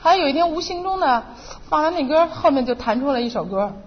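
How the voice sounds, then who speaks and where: A middle-aged woman with a high-pitched, animated voice speaks fast as she gives a personal testimony at church. She is earnest and emotional, re-enacting her own prayers. The recording is muffled, with a reverberant hall and faint noise.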